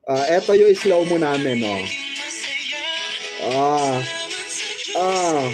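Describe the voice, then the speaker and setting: A man's voice: fairly high pitch, animated, very slow, music in the background. A man hosting a fan channel, chatting about showbiz in a gossipy, teasing way and laughing often. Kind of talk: casual showbiz commentary.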